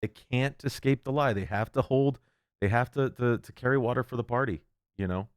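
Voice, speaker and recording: A man's voice: medium pitch, fairly quick, smooth, no echo, studio quality. A man reading an article aloud and breaking off into heated, indignant commentary, often stumbling and restarting. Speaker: political commentator.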